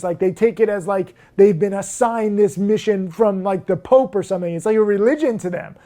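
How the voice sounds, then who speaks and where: A stock trading teacher talks casually to the camera in a high-pitched voice, brash and emphatic, getting loud and worked up. He cracks crude jokes and fills his speech with "um" and "like".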